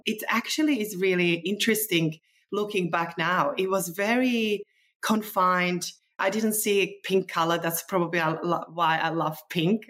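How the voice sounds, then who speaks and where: Her pitch sits fairly low and sounds a bit bright. This nutritionist guest, a woman from the former Czechoslovakia, chats enthusiastically through casual stories, her phrasing clearly non-native.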